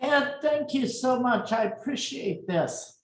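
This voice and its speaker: A woman's voice: fairly high pitch, expressive, slow pace, echoey room, low-quality recording. A woman hosting a webinar on a video call, thanking the speaker graciously. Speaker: association host.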